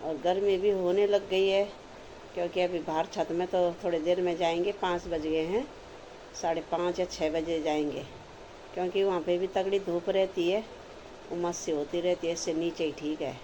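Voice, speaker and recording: A woman's voice: fairly low pitch, fairly even intonation, normal speed, dark tone, highs cut off, slight background noise. A woman chatting homely to her viewers in a casual home cooking vlog. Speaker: lifestyle vlogger.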